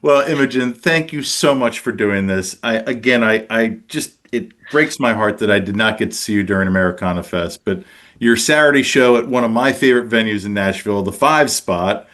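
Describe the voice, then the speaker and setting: A man's voice: fairly low pitch, fairly quick, fairly bright tone. A man hosting a podcast interview over a video call, enthusiastic, with stumbling restarts. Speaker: podcast host. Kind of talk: casual interview and sign-off.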